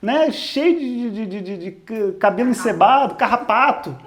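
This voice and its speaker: A man's voice: high-pitched, lively intonation, moderate pace, a bit bright, voice pushed up. A man doing a whiny spoiled princess. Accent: Brazilian Portuguese. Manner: whiny, pleading, comic.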